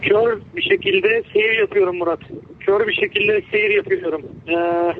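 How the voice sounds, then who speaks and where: An injured man on a ship's crew talks haltingly over a two-way radio, repeating himself. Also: high-pitched, fairly even intonation. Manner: speaking over a walkie-talkie radio link. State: injured, with an aching head. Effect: two-way radio transmission. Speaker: ship crew member at sea. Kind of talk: tense real radio conversation. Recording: narrow tinny radio link, faint noise.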